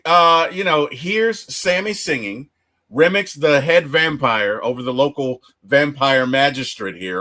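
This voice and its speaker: A man hosting a casual movie review chat, retelling the plot with animated storytelling and acting out the characters' lines. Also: medium pitch. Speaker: movie review podcast host.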